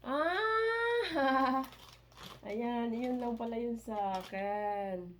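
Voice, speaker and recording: A woman unboxing a parcel in a casual vlog, chatty and excitable, with little squeals of delight and mixed English phrases. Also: fairly high pitch, very slow, a little hiss or hum. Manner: excitable, squeals and laughs between items; mixes Tagalog and English, chatty. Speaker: vlogger.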